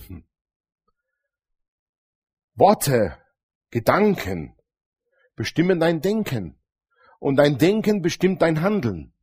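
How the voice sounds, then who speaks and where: A man's voice: on the high side, slow pace, pauses often, breathy edge. A middle-aged man preaching a sermon, telling stories animatedly and calling out Amen to the congregation. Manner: animated, storytelling, frequent Amen calls to the congregation.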